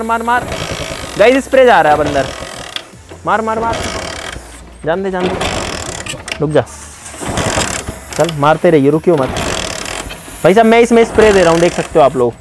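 A man talking casually to viewers while he demonstrates a bike trick, calling out repeated urgent commands to a helper. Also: sits high. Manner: chatty, addresses viewers as brother and guys, repeats urgent commands. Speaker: vlogger. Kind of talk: casual hands-on demo vlog.

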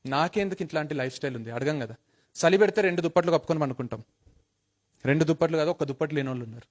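A man with a Telangana accent giving an animated motivational talk, telling a story and repeating phrases for emphasis. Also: on the high side, racing. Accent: Telangana Telugu.

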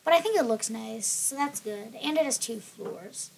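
Gaming voice-over: woman, throaty and gravelly, rambly and apologetic, slightly higher pitch. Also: lively intonation, moderate pace, a little mellow, slight background noise, low-quality recording. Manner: rambling, apologetic, filler-laden. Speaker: gaming channel host. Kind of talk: casual gameplay voice-over.

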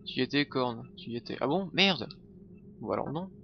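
A streamer talks live over his video game in a creaky, mid-range voice with lively intonation at normal speed, chatting, muttering to himself and swearing often. The stream audio is slightly dull and lo-fi, with faint game music and slight background noise.

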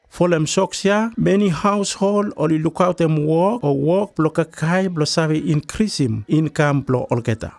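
A man's voice: fairly high pitch, no room sound. A man with a Melanesian Pidgin accent reads scripted documentary narration in island pidgin. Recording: voice-over with music behind. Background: music.

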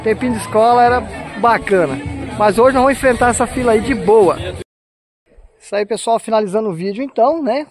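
A man's voice: sits high, a little fast, music in the background. A man from Brazil filming a casual walking tour vlog outdoors at a farm zoo, exclaiming and pointing things out to his viewers. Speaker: vlogger. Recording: outdoor crowd and vehicle noise.

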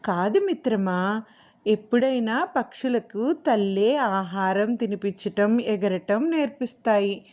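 A woman voicing a sweet-talking friendly female parrot in a children's storybook, in a high lively voice. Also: slow. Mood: soothing. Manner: high, lively, gentle coaxing.

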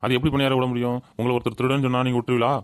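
A man's voice: mid-range voice, flat delivery, clear, resonant tone, no room sound, lightly acted. A man playing a crafty, cheeky village farmhand, arguing and scheming. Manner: rapid, cheeky, argumentative. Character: crafty male village farmhand, feigns anger. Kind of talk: village comedy skit.

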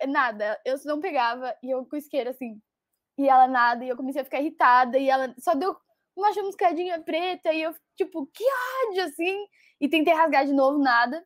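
A young woman telling a personal story as a guest, animated, laughing often and full of fillers. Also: high-pitched, dry recording, studio quality. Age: young adult. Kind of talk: casual storytelling.

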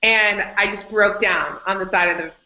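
A woman being interviewed, telling a personal story in an animated way and laughing often. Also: mid-range voice, normal speed. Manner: animated, laughs often, acts out her own past words. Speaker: interview guest. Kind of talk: candid storytelling in conversation. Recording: slightly dull, roomy recording.

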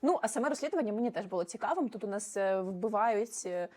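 A young woman reviewing books in a chatty, animated way, with quick asides, sitting on the floor at home. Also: medium pitch. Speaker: book vlogger. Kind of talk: casual book review.

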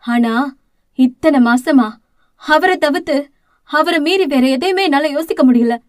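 Woman reader as a grieving older sister, tearful and self-accusing, high voice, close dry read. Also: a little slow, dry recording. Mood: despairing. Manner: tearful, pleading, self-blaming. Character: guilt-ridden young woman, anguished elder sister.

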